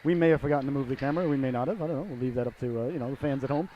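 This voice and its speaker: Sniffly with a cold, this middle-aged announcer calls an amateur hockey game in a loose, rambling style and cracks jokes for the viewers. He talks rapid-fire at a medium pitch, and the audio sounds dull.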